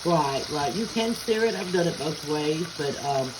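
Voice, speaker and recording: This middle-aged woman talks through her cooking in a chatty, homey way, with plenty of "uh" fillers along the way. She is recorded in a home kitchen, with clear background noise underneath her voice. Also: low voice, lively intonation, normal speed. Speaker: home cook. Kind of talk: casual cooking demonstration. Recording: noisy home kitchen ambience.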